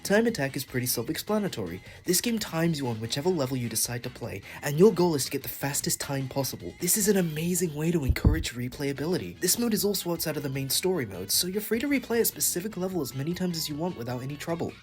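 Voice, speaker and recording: Hoarse, raspy young man, lively delivery. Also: fairly high pitch, fast, few pauses, faint music behind. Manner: enthusiastic, opinionated. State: sick, hoarse. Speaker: gaming video host. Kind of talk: scripted video essay narration.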